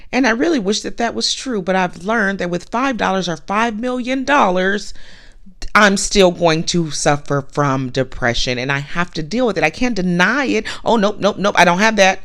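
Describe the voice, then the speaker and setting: A woman's voice: mid-range voice, expressive, moderate pace, a bit bright. A woman podcast host giving a blunt, emphatic motivational monologue, repeating her points and swearing casually.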